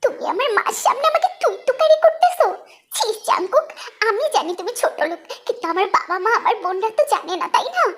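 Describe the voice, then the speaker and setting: A woman voicing an indignant young wife who answers her husband with sharp reproaches. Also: extremely high pitch, expressive, fast, heavily acted.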